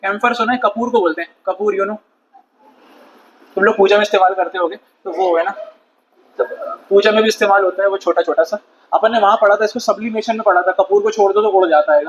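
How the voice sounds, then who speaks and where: A man with a high voice lectures a chemistry class, chatty and quick to question or scold students. The recording is dull and lo-fi, with a faint hiss behind him. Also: fairly even intonation. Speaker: chemistry teacher. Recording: dull lo-fi sound with faint noise.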